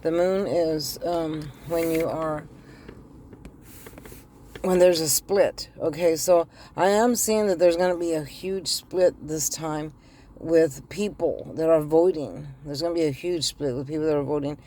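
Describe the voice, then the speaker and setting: A deep, unhurried, dark-toned voice belongs to a middle-aged tarot reader recovering from the flu, her raspiness clear as she addresses viewers casually. She pauses on ums while holding her phone in one hand in a car.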